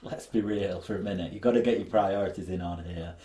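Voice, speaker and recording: Deep, dark-voiced joking man, echoey room. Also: quick pace. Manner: joking, boastful asides. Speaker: podcast co-host. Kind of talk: casual chat.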